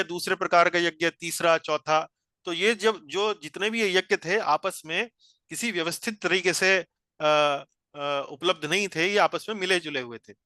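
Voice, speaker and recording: A man's voice: high-pitched, pushed and bright, no room sound. A man teaching a scripture study class over a video call, explaining each point patiently and repeating phrases as he guides a reader.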